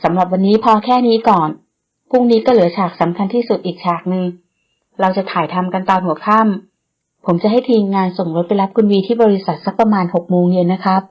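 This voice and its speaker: A woman voicing a brisk, courteous male film director in an audiobook, with a husky voice. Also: mid-range voice, a little mellow, highs cut off, close to an everyday voice.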